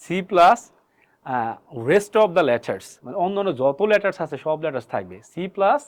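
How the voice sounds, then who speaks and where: A man's voice: on the high side, very animated, normal speed. A man teaching English pronunciation as a lesson, asking questions and answering them himself and repeating key words. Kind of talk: spoken classroom lesson.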